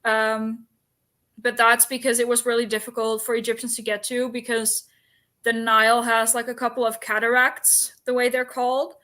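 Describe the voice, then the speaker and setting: A co-host of a book discussion chats casually about books and history, explaining things informally and talkatively, with asides. She has a fairly high, sharp-toned voice with little pitch movement and speaks at a moderate pace.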